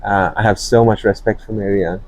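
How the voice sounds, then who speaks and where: A man's voice: on the low side, steady tone, a little fast, a little mellow, low-quality recording. A man from Sri Lanka, speaking earnestly as a guest in an interview, with many fillers and restarts. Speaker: guest, company executive. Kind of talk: interview conversation.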